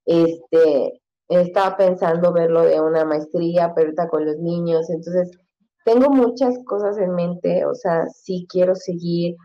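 A woman's voice: fairly low pitch, a little slow, lo-fi sound. A woman, a guest in a casual conversation, talking freely with many fillers and acting out quotes in a raised voice. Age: 30s.

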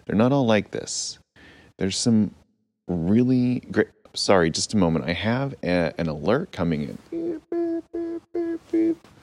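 A man's voice: low voice, expressive, a little slow, a little mellow, no echo. A man narrating an improvised audio adventure as a captain, playful with rambling asides.

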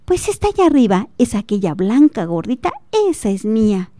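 A woman voicing a sweet, stubborn young girl who is selling a cloud, speaking high and innocent. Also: very animated, normal speed, dark tone, no echo, clean studio sound, lightly acted. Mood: childlike.

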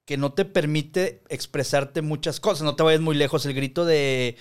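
A Mexican man in his forties talks casually on a podcast. His voice is smooth and resonant and sits a little high, and he rambles loosely through anecdotes, peppered with slang and swearing. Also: moderate pace. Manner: relaxed storytelling with slang and swearing. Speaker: podcast co-host. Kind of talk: casual chat.

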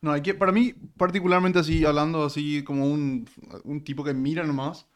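A man's voice: on the high side, fairly even intonation, a little fast, clear, resonant tone. A man with a Paraguayan accent hosting a casual chat, musing aloud and searching for words. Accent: Paraguayan Spanish. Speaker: podcast host.

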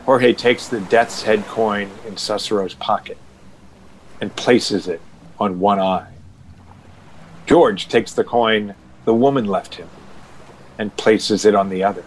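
A man's voice: on the low side, slow, long pauses, slight background noise, rough recording. A man narrating an audio drama in a dramatic, scripted style.

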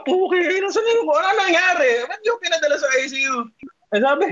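A man from the Philippines, a host, telling a personal story in casual chat, animated and swearing as he acts out what people said. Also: extremely high pitch, brisk, muffled recording, over a noisy crowd.

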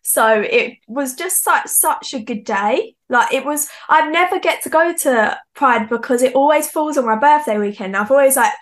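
A young woman chats easily as an interview guest. She laughs often and leans on "like" as a filler. Her voice sits slightly high. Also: normal speed, hardly any pauses. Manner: chatty, giggly, lots of "like" fillers. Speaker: singer-songwriter guest. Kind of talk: casual interview chat.

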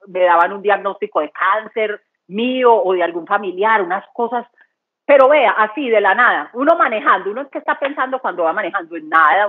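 A woman's voice: mid-range voice, slightly rough. Earnest woman testifying over a tinny line. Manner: earnest, conversational, repeats phrases for emphasis. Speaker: church speaker giving testimony. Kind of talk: testimony talk. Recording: tinny phone-line sound.

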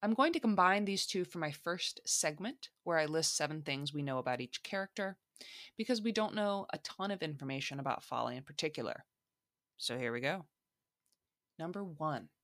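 Low-voiced playful woman podcast host. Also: fairly bright tone, no room sound, clean studio sound. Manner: playful, jokey asides. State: morning voice. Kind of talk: solo podcast monologue. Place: home back room.

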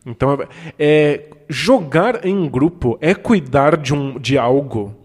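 A man's voice: a little high, animated, slow. A man with a Brazilian accent co-hosting a podcast, explaining ideas thoughtfully with frequent restarts. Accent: Brazilian Portuguese. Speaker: podcast co-host. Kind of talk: casual discussion. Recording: long reverb.

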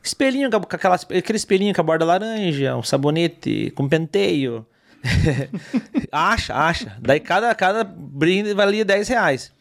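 A man with a high, bright-sounding voice tells funny stories in a relaxed interview. He talks in animated bursts, full of energy. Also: moderate pace, gravelly. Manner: animated storytelling, lively. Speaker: comedian guest. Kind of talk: casual interview chat.

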